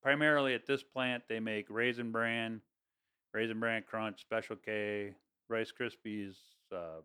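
A man's voice: fairly low pitch, fairly even intonation, unhurried, sharp tone, smooth. Rambling man talking shop. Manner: rambling, many restarts, laughs easily. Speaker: guest, construction and plant project worker. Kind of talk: casual conversational interview.

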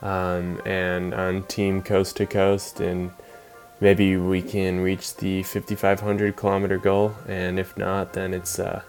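A man's voice: low voice, completely flat delivery, takes it slowly, darkish tone, faint music behind. A man hosting a podcast, speaking casually and hesitantly with many fillers. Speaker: podcast host.

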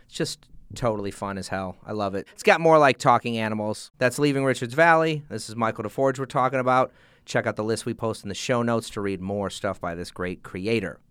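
Guy hosting a podcast, super casual and excited, dry close mic. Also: fairly low pitch, a little fast, smooth, no room sound. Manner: enthusiastic, informal. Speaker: podcast host.

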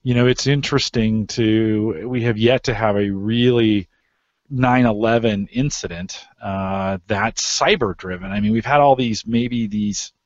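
Male show host, casual and rambling, low-pitched, dry muffled recording. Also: measured pace, dry recording. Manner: rambling, many restarts and fillers. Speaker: podcast host. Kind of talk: casual discussion.

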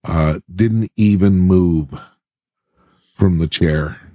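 A man co-hosting a podcast in casual chat, relaxed and measured. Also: sits low, no echo, highs cut off. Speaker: podcast co-host.

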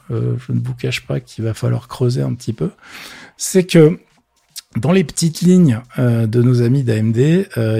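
A man's voice: mid-range voice, gravelly, dark tone, no echo. A man chatting casually about tech news, slangy and loose, with many fillers and a dry, thirsty mouth. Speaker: tech commentator.

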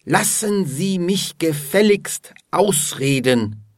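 Man doing an angry customer on the phone, higher-pitched and curt, in a dry booth. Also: sing-song, drawn-out words, no echo, full character voice. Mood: commanding. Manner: curt, commanding, indignant. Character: irate middle-aged male customer complaining by phone.

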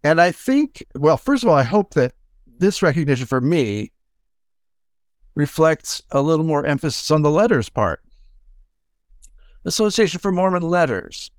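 An older man, a music professor, giving a reflective, halting acceptance talk full of pauses and restarts. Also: fairly high pitch, very animated, no room sound, studio quality. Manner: halting, many fillers and restarts. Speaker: award recipient, music professor.

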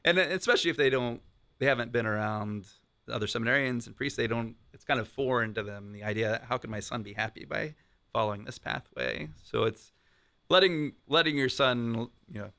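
Guy priest on a radio interview, bit of fry in his voice, bright, encouraging, feels his way through sentences. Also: medium pitch. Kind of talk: unscripted radio conversation.

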